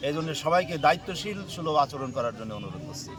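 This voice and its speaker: A man giving a solemn, formal and somewhat halting public condolence statement as a local political figure. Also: on the high side, very animated. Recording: outdoor crowd noise.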